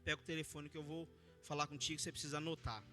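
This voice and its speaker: A man with a Brazilian Portuguese accent voicing God, calm and measured, with a somewhat lowered voice. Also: faint music behind. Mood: calm command. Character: God speaking, calm male divine voice.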